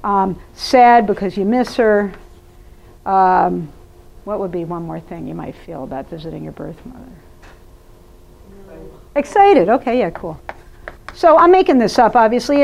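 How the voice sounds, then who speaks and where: A woman therapist giving a lively, conversational workshop talk to an audience and asking them questions. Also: medium pitch. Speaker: therapist presenter. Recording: muffled lo-fi recording.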